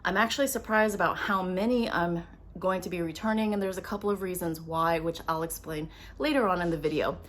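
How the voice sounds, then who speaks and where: Woman, low-pitched, casual haul vlogger; quick, upfront delivery at home with faint background noise. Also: a bit bright. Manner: chatty, upfront, talking quickly to camera. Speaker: beauty vlogger. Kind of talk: casual product haul vlog. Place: at home with windows open. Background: faint household noise, dog walking around.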